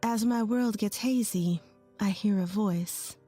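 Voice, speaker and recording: A woman's voice: mid-range voice, takes it slowly, dark tone, faint music behind. A woman in her twenties from rural Texas, telling her own story in earnest, scripted first-person narration. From rural Texas, USA. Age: 20s.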